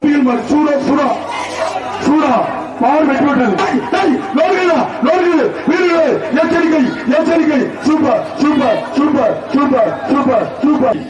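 A man announcing a live bull-taming event through a loudspeaker system, calling out prizes and warnings with rapid, repetitive cheering. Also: very high-pitched, dull audio. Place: outdoor bull-taming arena. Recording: echoey loudspeaker from far off, roaring crowd.

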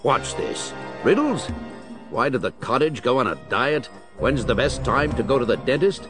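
An actor playing a baffled, gruff male police commissioner in a children's audio drama, puzzled and exclamatory. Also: mid-range voice, big pitch swings, normal speed, over music, lightly acted.

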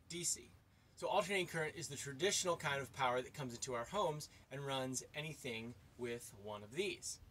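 A man's voice: mid-range voice, a bit bright, slight background noise. A man in his forties presenting an explanatory vlog from inside a small trailer. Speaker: vlog co-host.

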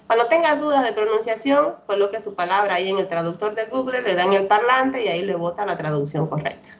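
A woman's voice: medium pitch, expressive, a little fast. Woman teacher drilling verb lists. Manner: patient, repetitive drilling, frequent "¿verdad?" checks. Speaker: English teacher. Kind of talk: online class lecture. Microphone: computer mic on a video call. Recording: dull lo-fi video call audio.

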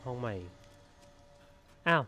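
Soft background music accompanies a male gameplay streamer speaking at a slow pace. He plays a horror game demo in casual let's-play style, muttering to himself and breaking into excitable, jumpy outbursts when startled.

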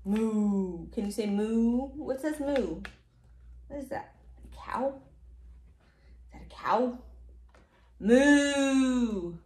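A woman reading a picture book to her toddler at home, coaxing the little one with slow, sing-song questions. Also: a little high, a little mellow. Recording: roomy echo.

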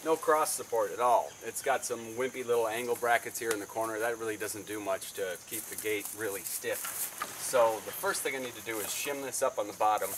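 Outdoors in a backyard, a male DIY video host with a lowish voice talks a little fast, explaining a home repair project in plain, practical terms. His casual how-to narration is picked up by a camera mic a few feet away, with insect noise in the outdoor audio.

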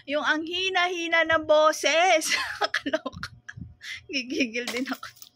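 A woman with a Filipino accent, running a small store and ranting about customers in a casual vlog, animated and laughing often. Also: sits high, slow. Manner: animated, laughing, mock-growling. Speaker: sari-sari store owner vlogger.

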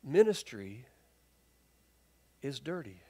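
A man preaching a sermon as pastor, acting out the people in the passage with lively voices and dropping to a quiet, earnest tone for his key points. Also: medium pitch, breathy edge. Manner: animated storytelling, acts out the people in the text in quick lively voices. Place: church sanctuary.

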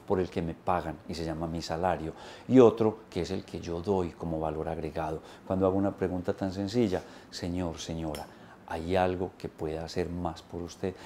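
Low, dark-voiced man coaching on camera. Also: fairly even intonation, moderate pace, a little hiss or hum. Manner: emphatic, gesturing with both hands, listing points. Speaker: business coach. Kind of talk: instructional talk to camera. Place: indoor studio set. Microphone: lapel mic.

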